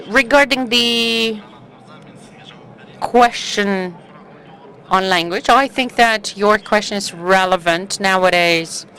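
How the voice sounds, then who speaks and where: A woman interpreting live at a conference, in halting phrases that break off mid-sentence. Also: mid-range voice, fairly bright tone, slight background noise.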